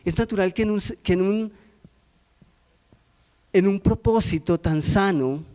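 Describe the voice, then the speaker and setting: A man delivers a sermon in a relaxed, conversational way. He keeps asking his listeners questions and checks in with quick prompts. His voice sits a little high, with a warm, mellow tone. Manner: asks the congregation frequent rhetorical questions. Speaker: preacher.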